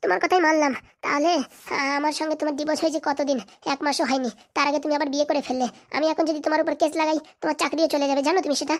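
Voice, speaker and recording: A woman plays a jilted cartoon wife with a high voice who argues at a racing pace. She is insistent and complaining, never letting up. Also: steady tone, rapid-fire. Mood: aggrieved. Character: jilted young wife, bold and demanding.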